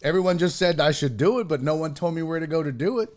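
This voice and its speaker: A man's voice: fairly high pitch, expressive, fast, a little mellow. A man of about fifty, a podcast host and stand-up comic, chatting casually and rambling through a story with lots of restarts and repeated phrases. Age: 50s. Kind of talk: casual chat.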